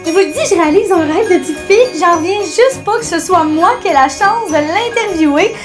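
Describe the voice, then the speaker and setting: A woman with a Quebec French accent hosts a campy local TV show. She is bubbly and giggly and gets easily excited, with a very high voice that swoops up and down. Soft music runs behind her. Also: brisk. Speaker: TV host.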